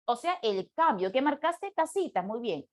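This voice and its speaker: Woman, language teacher, reviewing quiz answers, explanatory, frequent check-in questions, slightly high pitch. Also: very animated, moderate pace. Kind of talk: going over quiz answers in class.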